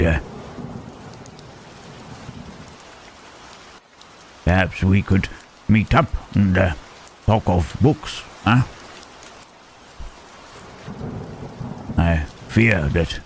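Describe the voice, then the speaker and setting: A man playing a lonely, humble, gentle-hearted monster in an intimate ASMR roleplay, speaking haltingly and repeating his words with murmured questioning tags. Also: deep voice. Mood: shy, tentative. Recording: rain and thunderstorm noise behind. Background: rain and thunder.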